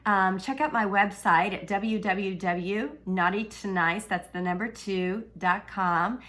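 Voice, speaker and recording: A woman presents a home-style cooking demo in a mid-range voice. She talks casually and haltingly, pausing on fillers, with a playful, flirty streak. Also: medium pitch, a bit bright. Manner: halting, filler-heavy delivery. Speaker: cooking video host.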